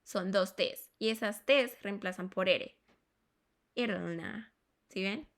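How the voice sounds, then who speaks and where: A woman with a mid-range, fairly bright voice gives a classroom explanation of English phonetics. She repeats words, spells sounds out slowly and carefully, and checks in with her students along the way.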